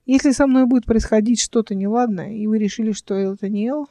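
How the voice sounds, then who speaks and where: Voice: medium pitch, fast, mellow, no room sound, close to an everyday voice. Reader voicing a stern woman captain. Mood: grim. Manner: curt, commanding.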